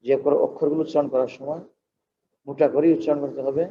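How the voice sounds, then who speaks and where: A man's voice: a little high, little pitch movement, fast. A man, an imam, teaching Quran recitation. He explains patiently and chants the verses long and drawn out. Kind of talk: slow Quran recitation lesson. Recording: dull lo-fi recording with faint noise.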